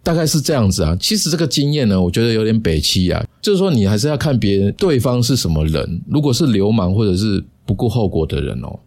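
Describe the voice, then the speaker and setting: A man talks through a personal story on his solo podcast. His voice sits low, and his chatty delivery leans on drawn-out particles between phrases. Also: sing-song, darkish tone. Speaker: podcast host.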